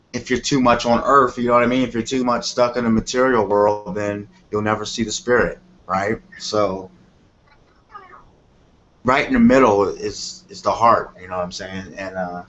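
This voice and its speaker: On a call-in show, a tarot reader with a fairly low, fairly bright voice gives casual, rambling, improvised explanations. He keeps saying "you know what I mean" to make sure he's followed, and the recording is dull lo-fi audio with clear noise.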